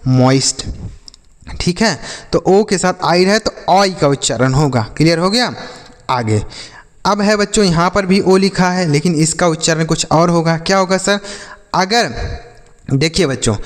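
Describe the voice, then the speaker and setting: A man's voice: high voice, big-room sound. A man teaches English phonics to students. He keeps quizzing them with questions and then answering them himself. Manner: repetitive quiz-style questions and answers. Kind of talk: classroom-style phonics lesson.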